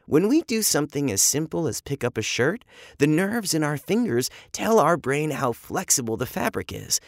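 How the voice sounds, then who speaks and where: A woman's voice: deep voice, very animated, normal speed, dry recording, studio quality, pitched above the performer's own voice, full character voice. A storyteller voicing a thoughtful mother who patiently explains things to her children. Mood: explaining.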